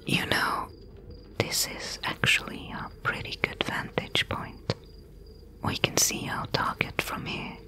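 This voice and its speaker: A woman voicing a wry, bossy thief mentor in a breathy, hushed whispered role-play, giving instructions. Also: slow. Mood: hushed, businesslike.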